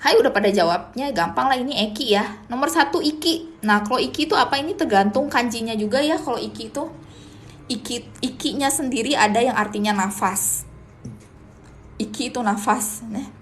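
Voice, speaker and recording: A young woman runs a casual live-stream language lesson, talking in a relaxed, chatty way and sprinkling Japanese phrases through her explanations. Her voice sits a little on the high side. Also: a little fast, a little hiss or hum.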